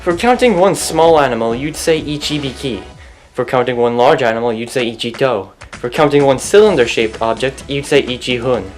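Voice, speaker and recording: A man's voice: medium pitch, lively intonation, normal speed. A young man presenting a comedic explainer video in a dry, sarcastic, self-mocking way. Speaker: student presenter. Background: music.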